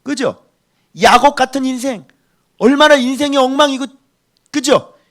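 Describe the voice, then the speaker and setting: A middle-aged male pastor preaching a sermon, emphatic, swinging between loud outbursts and hushed asides. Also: extremely high pitch, normal speed.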